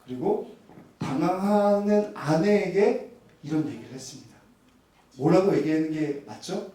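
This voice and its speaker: A man's voice: sits high, measured pace. A man in his thirties, a pastor, telling a personal story in a sermon and acting out the voices in it. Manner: animated storytelling, acts out quoted voices, chuckles often. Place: church sanctuary. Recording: roomy church hall, voice from a distance.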